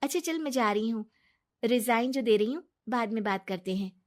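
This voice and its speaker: A woman voicing a trusting, kind-hearted young wife who speaks earnestly and gently. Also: a little high, expressive, normal speed, close to an everyday voice.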